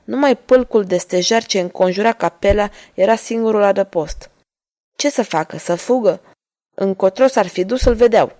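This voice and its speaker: A woman narrating an adventure novel chapter in a steady, measured storytelling voice. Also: mid-range voice. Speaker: audiobook narrator. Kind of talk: scripted narration.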